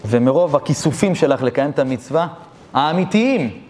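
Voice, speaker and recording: A man voicing a very old, wise man who speaks slowly in a calm, solemn way. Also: on the high side, slight background noise, natural voice. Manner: slow, solemn pronouncement.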